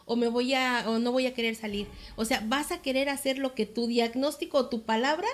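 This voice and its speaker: A woman's voice: on the high side, fairly quick. A woman, a therapist, talking in a casual conversation and acting out people's voices as she gives examples. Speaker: therapist, co-host or guest. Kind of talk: casual conversation on a talk show.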